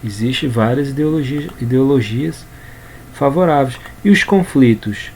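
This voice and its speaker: A man's voice: mid-range voice, unhurried. A man with a Brazilian Portuguese accent and a middle-range voice teaches a casual lesson on communication. He talks unhurriedly, circling back over words and restarting phrases as he goes. Faint noise sits under the recording. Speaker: communication coach. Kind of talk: informal spoken lesson.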